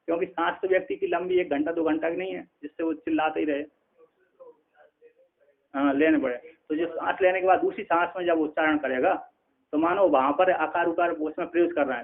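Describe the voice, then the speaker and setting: A man, a spiritual teacher, giving a scripture lecture, explaining slowly with many repetitions and checking in with his listeners. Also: fairly high pitch. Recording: tinny phone-like lo-fi sound.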